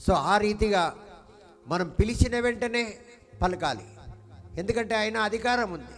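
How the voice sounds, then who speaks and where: A man's voice: high voice, expressive, a little slow, big-room sound, soft background music. A man preaching a sermon as pastor, stirring the congregation with questions and emphatic repetition.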